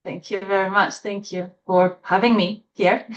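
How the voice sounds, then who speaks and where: A woman from Latvia, a guest in an interview, speaking in a thoughtful, hesitant way with many fillers and soft laughs. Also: mid-range voice, steady tone, unhurried, lo-fi sound. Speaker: interview guest, trauma-informed coach. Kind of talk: casual interview chat.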